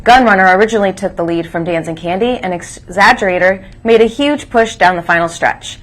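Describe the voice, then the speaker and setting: A woman's voice: mid-range voice, a little fast, a bit bright. Woman presenting a scripted school news broadcast. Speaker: school morning broadcast co-host. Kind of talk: scripted announcements, read aloud.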